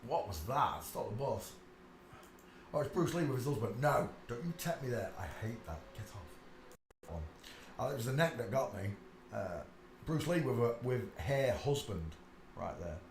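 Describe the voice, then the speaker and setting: A man with a medium-pitched, sing-song voice speaks at a moderate pace over slight background noise. He's the host of his own channel, flipping through pictures in a casual, rambling monologue, talking insistently with lots of asides and "uh"s. The recording has the echo of a room and faint ambience.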